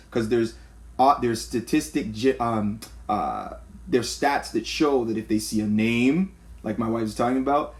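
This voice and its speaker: Male pastor, measured and reflective, conversational. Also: medium pitch, darkish tone. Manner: measured, reflective, many fillers. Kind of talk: conversational discussion.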